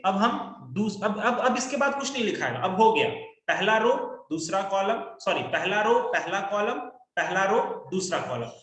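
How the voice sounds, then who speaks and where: A man's voice: high voice, sing-song, moderate pace, hardly any pauses, a bit bright, reverberant. A man teaching maths in an online class, coaxing his students to call out answers.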